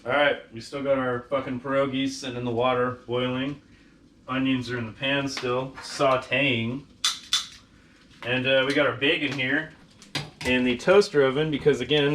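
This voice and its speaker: A man with a medium-pitched, slightly bright voice hosts a casual cooking vlog from his home kitchen, talking as he works. He's sarcastic and foul-mouthed, swearing heavily throughout. There's a faint hiss or hum in the recording.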